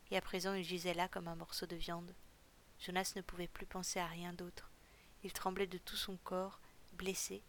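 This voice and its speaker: A woman narrating an audiobook story in a steady, even storytelling manner. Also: lowish voice, slight background noise.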